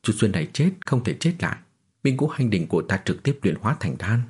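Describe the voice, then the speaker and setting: A cold, self-assured young swordsman from a martial fantasy audiobook, as a male narrator puts him on. His low, husky voice swings widely as he mocks his enemies with calm scorn. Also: brisk, full character voice. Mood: breezy. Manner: calm, mocking, cold laughter. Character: cocky young male martial prodigy, coldly smug.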